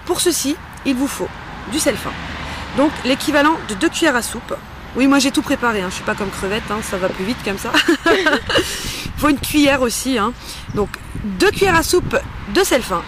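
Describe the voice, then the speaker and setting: A high-pitched woman with lively intonation hosts a casual, step-by-step homemade beauty-care tutorial. She talks at a moderate pace in a playful, informal, chatty way, with noise in the background.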